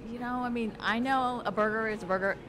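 A woman interviewer in a small restaurant, chatty and animated, laughing easily with her guest. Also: fairly high pitch, quick pace, crowd noise. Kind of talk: casual interview. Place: small restaurant with street noise.

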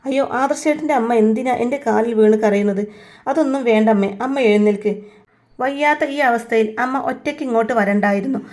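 A woman voicing a gentle, humble young wife who speaks softly and politely. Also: on the high side, brisk, lightly acted.

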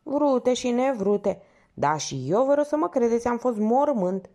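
A woman's voice: a little high, expressive, mellow, pitched above the performer's own voice. A woman voicing a fawning, gossipy older male theater porter in a novel she reads aloud. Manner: obsequious, gossipy, exclaiming.

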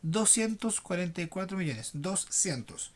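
A man teaching an English class online, switching between slow dictation of numbers and quick explanations. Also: sits high, expressive, slight background noise.

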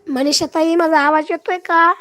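A woman with a Marathi accent, hoarse from a cough, hosting a casual live stream and greeting and thanking her viewers by name. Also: extremely high pitch, steady tone, moderate pace, a bit bright.

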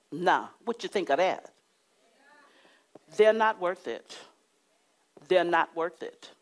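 A middle-aged woman delivers a sermon from a church studio, her voice swinging widely in pitch. She preaches emphatically, with dramatic pauses and drops to a hushed tone. She is recorded close on a lapel mic. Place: church studio with curtain backdrop.

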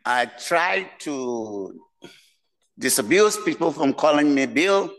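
An older man, who grew up outside the United States, gives a keynote speech from a podium in a lecture hall, telling a personal story slowly with pauses. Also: on the high side, animated, fairly bright tone. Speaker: keynote speaker.

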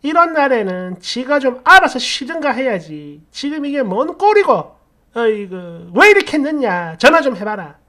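A woman voicing a nagging older mother who scolds her family, with a shrill, exasperated manner. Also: big pitch swings, moderate pace, fairly bright tone. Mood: scolding.

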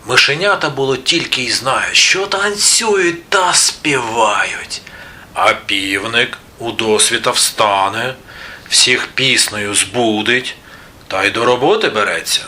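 A man narrating a children's fairy tale in an expressive, sing-song way. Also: mid-range voice, a little slow, a little hiss or hum. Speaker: storyteller.

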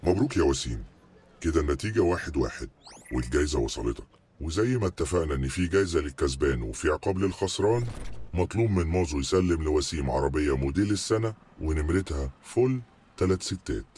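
A very deep-voiced game master. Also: male voice, expressive, darkish tone, a little hiss or hum. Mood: formal. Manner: formal, measured announcing. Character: stern unseen game master, announcing rules. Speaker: game announcer.

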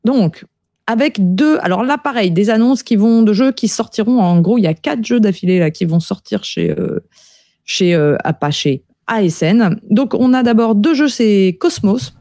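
A woman's voice: medium pitch, lively intonation, normal speed, warm tone, dry recording, studio quality. A woman co-hosting a casual podcast chat about board game news, talking freely with many hesitant fillers. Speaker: podcast co-host.

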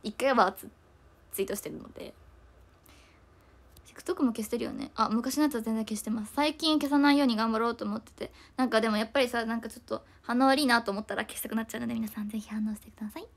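Reading viewer comments during a livestream, this young woman talks quickly and casually, frequently saying sorry. Her voice is a little high, with some vocal fry.

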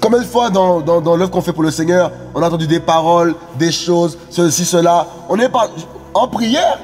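A man's voice: sits high, normal speed, darkish tone. A man preaching a sermon, emphatic and direct, often calling out to his listeners as friends. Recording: long reverb with faint music behind.

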